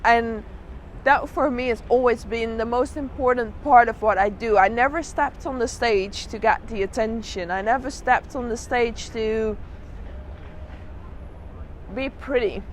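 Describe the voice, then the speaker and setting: A woman with a fairly high voice speaks as an interviewed drag artist. She tells her own story reflectively and leans on repeated words for emphasis. Faint city and vehicle noise sits behind her. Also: measured pace. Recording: noisy outdoor urban spot with traffic.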